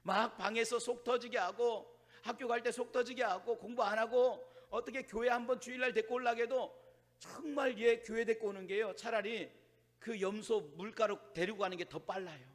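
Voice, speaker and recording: A male pastor preaches an animated sermon in a church sanctuary. His voice sits high for a man, and the room's long reverb trails each phrase. He acts out quoted complaints and sinks into hushed asides. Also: moderate pace.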